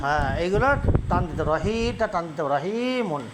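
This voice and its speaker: A man's voice: high-pitched, animated, fast, background noise. A man teaching a child to read Arabic letters, patiently drilling sounds in call and response and asking checking questions. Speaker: Quran reading teacher.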